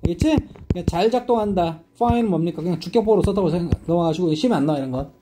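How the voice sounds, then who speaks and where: A man's voice: sits high, rapid-fire, a little hiss or hum. A man teaching an English class, lecturing students and constantly checking that they follow. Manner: lively, rising and dipping emphasis.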